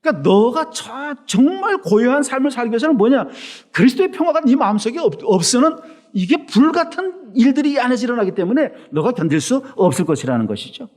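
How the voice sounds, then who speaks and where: A man preaching a Sunday sermon as pastor in a church, animated, asking rhetorical questions and slowing down to stress his points. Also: extremely high pitch.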